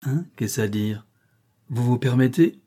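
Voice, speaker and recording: A bitter, haughty male ex-partner bent on revenge from an adventure audiobook, voiced by a male reader. His voice is warm-dark and somewhat husky, resentful throughout. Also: medium pitch, a little slow. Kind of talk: audiobook reading.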